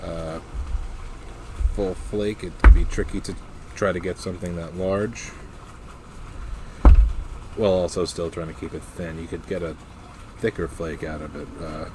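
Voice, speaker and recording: Deep-voiced man, casual halting reviewer. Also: steady tone, background noise. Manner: halting, unscripted, matter-of-fact. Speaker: pipe tobacco reviewer.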